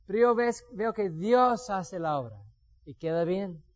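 A man's voice: high voice, lively intonation, unhurried, muffled recording. A man giving a sermon with personal testimony, telling stories and acting out what he once said. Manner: storytelling, acts out his own past words. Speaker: preacher.

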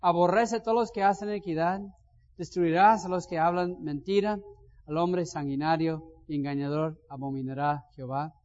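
High-voiced man preaching. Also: moderate pace. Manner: expressive preaching that swings between loud bursts and soft asides. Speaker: pastor. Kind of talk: sermon. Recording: dull sound with long reverb.

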